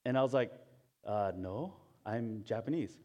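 A pastor from Hawaii delivers a conversational sermon full of personal stories in a lowish, animated, warm voice with the highs cut off. He's chatty and self-mocking, laughing at himself often, and his halting delivery has frequent restarts and fillers.

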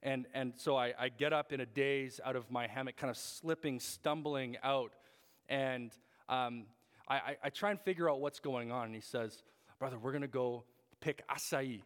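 A man's voice: mid-range voice, normal speed, a bit bright, clean tone. A young man preaching a sermon, telling a story with frequent fillers and restarts. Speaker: pastor. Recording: long hall reverb.

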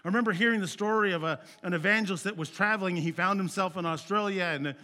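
A male pastor preaching a sermon in an earnest, conversational way, swinging from loud emphatic peaks to quiet, low phrase endings. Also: fast, faint music behind.

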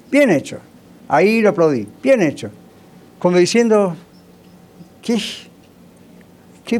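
A male pastor with a high, slightly mellow voice preaches a sermon conversationally. He often puts rhetorical questions to the congregation.

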